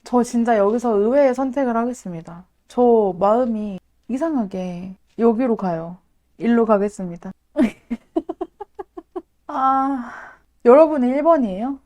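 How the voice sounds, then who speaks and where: A woman hosting a casual live stream, excitable and dramatic, often laughing and reacting to viewer comments. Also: on the high side, slow.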